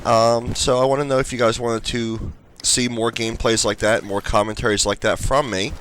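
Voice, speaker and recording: A congested young gaming-channel host chats casually over gameplay, filling his commentary with ums and likes. His stuffed-up voice is medium in pitch and a bit bright, with fairly even intonation at a normal speed, while game gunfire sounds in the background.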